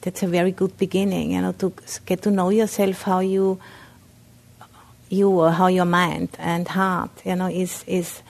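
Speaking with an Austrian German accent, this Austrian nun gives a dharma talk at a meditation center, stopping and restarting often and using many fillers. Her voice is on the low side, flat, creaky and a little mellow.

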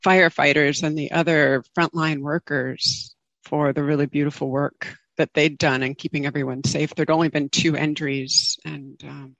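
A woman giving an informal dharma talk as a meditation teacher, speaking in a gentle, reflective and halting way. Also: deep voice, little pitch movement, creaky, no echo, poor audio. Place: online group video call.

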